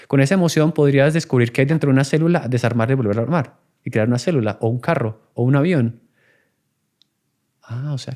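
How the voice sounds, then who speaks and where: A man's voice: medium pitch, warm tone. A man, talking in a reflective, conversational way as a podcast guest, acting out children and parents in his examples. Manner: acts out child and adult voices in examples.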